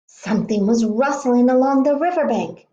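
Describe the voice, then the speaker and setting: A woman teacher reading a picture book aloud to children, gentle and expressive, pausing to ask questions. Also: fairly high pitch, muffled recording.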